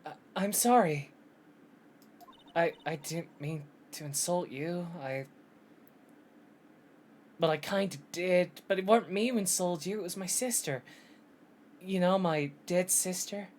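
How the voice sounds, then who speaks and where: A man's voice: high-pitched, unhurried, pauses often, a little mellow, a little hiss or hum, pitched above the performer's own voice. A man voicing the inner thoughts of a flustered young male defense lawyer in a game, stammering and rambling.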